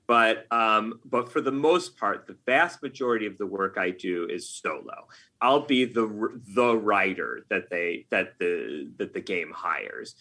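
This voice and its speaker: Unhurried and fairly low in pitch, an American man speaks with a bright, forceful tone as a podcast guest. He writes video games and answers in a conversational way, often stopping to back up and rephrase.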